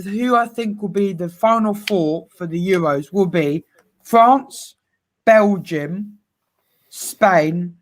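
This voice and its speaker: A young man co-hosts a casual football chat, rattling off players and lineups from memory and sure of his picks. His voice is high, on the light side for a man.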